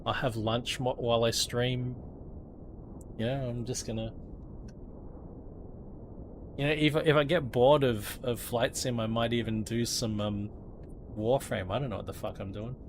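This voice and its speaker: A man's voice: medium pitch, steady tone, a little slow, long pauses, background noise. An Australian man streaming games, chatting in a casual, rambling, laid-back and sweary way. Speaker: game streamer. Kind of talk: casual rambling livestream chat.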